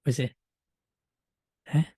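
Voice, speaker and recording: A male teacher gives an online exam-prep lesson, joking and animated and often checking in with his listeners. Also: takes it slowly, dry recording, studio quality.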